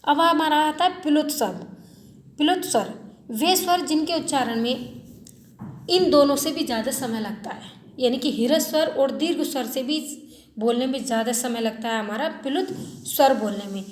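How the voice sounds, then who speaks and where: A woman teacher explains a school lesson in a high voice. She repeats each question before she answers it and stretches sounds out to demonstrate them. The room echoes and a faint hiss sits behind her. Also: normal speed. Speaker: Hindi teacher. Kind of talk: classroom lesson on Hindi vowels.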